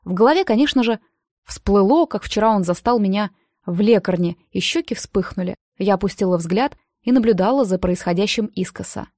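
A woman narrating a first-person audiobook with an even storytelling delivery. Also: mid-range voice, fairly quick, no echo, clean studio sound.

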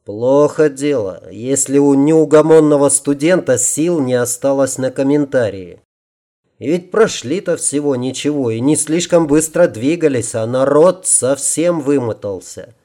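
A male narrator reads an audiobook in a steady storytelling way. His timbre is dark and mellow, at a middle pitch. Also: measured pace.

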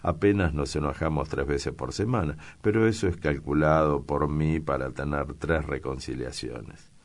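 Witty young teaser, read by a man, very deep voice, playful bantering lines in a storybook reading. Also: moderate pace. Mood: teasing. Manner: bantering, mischievous.

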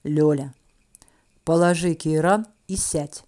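A woman voicing a cool, mocking male elf lord in an audiobook, giving curt, authoritative orders in a lowered, louder voice. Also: steady tone, normal speed, close to an everyday voice.

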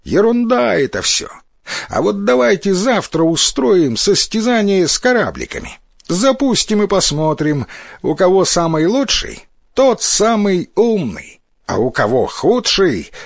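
A man voicing an envious, mocking schoolboy in a spoken fairy tale, with shrill, jeering delivery. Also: sing-song, a little slow, gravelly, no room sound, studio quality, exaggerated voice.

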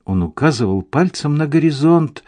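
Lively male storyteller. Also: fairly high pitch, moderate pace, no echo. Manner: expressive storytelling, voicing each character. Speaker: audiobook narrator. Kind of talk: scripted narration.

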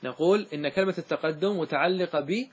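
A man teaching grammar as a sheikh, chanting verses slowly and often asking his class whether it is clear. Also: fairly high pitch.

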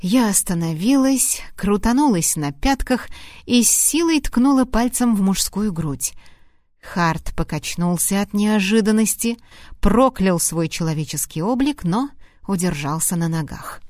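A woman narrating a first-person fantasy novel aloud, with expressive, dramatic reading of the dialogue. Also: medium pitch, measured pace, no room sound, studio quality. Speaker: audiobook narrator.

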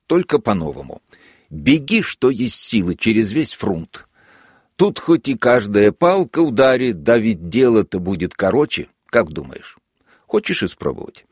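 A man voicing a cruel army lieutenant who speaks with syrupy, sanctimonious mock kindness and shouts gleefully at a flogging. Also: lowish voice, husky, no room sound, clean studio sound, full character voice. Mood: sly. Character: sadistic mock-kindly male army lieutenant.

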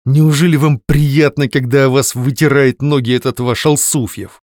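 A man reading a novel aloud, voicing a brooding, jealous male clerk in a gruff, curt tone. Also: medium pitch, lively intonation, takes it slowly, a little mellow, no room sound, studio quality. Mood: low intense.

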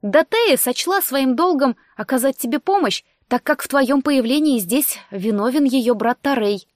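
Woman reading as a brisk, cheerful ghost girl who guards the academy, pitched high, dry close sound. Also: lively intonation, no room sound. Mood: explaining. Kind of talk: audiobook character voice.

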